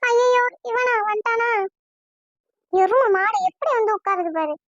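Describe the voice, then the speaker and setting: A woman's voice: very high-pitched, unhurried, no echo. A woman voicing a fretful, easily flustered young woman who complains and sounds exasperated, in a cartoon. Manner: whiny, exasperated. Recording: dull lo-fi dry sound.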